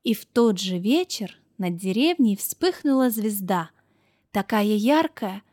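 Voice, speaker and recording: A woman narrating a children's story in a warm, gentle storytelling voice with expressive lifts. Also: mid-range voice, takes it slowly, dry recording, clean studio sound.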